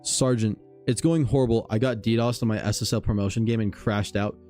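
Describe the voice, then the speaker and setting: A man livestreaming games, chatting casually with viewers and telling stories in an animated, slangy way. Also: fairly low pitch, a little fast, faint music behind. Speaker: gaming livestreamer.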